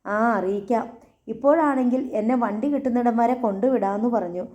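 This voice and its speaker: A woman's voice: a little high, brisk, warm tone, muffled recording, close to an everyday voice. A woman voicing an anxious middle-aged man who speaks in a hesitant, pleading way. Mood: worried. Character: anxious middle-aged man, the in-law taking his leave.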